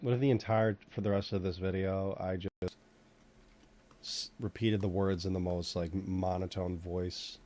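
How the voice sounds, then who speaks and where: Male host, low and mellow, loose rambling chat full of fillers, casual swearing. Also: steady tone, moderate pace. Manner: rambling, heavy on fillers like "you know" and "like". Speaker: host sculpting in 3D software. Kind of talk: casual chat while working.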